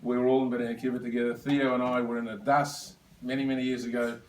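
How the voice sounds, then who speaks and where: An Australian man in his seventies gives a rambling speech full of asides at a birthday lunch. He speaks quickly in a mid-range, darkish voice with little pitch movement. He's recorded from a distance in a roomy, echoey hall with slight background noise.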